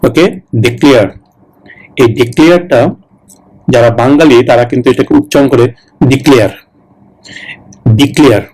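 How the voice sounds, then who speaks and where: Man tutoring slowly. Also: mid-range voice, darkish tone, poor audio. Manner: slow, deliberate repetition of English words, then quick explanations. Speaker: citizenship test tutor. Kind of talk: bilingual lesson, explaining English test words in Bengali.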